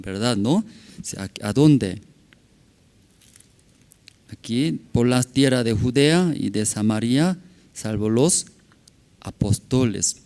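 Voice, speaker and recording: Pastor speaking broken Spanish. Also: male voice, mid-range voice, a little mellow. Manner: broken non-native Spanish, tag questions, chuckles. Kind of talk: informal sermon with storytelling. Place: church.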